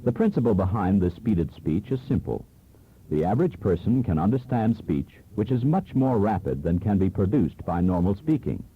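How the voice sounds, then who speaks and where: A man's voice: lowish voice, breathy edge, phone-quality sound. A man giving scripted promotional narration for a product demo, heard from an old, worn cassette tape copy from the early 1970s.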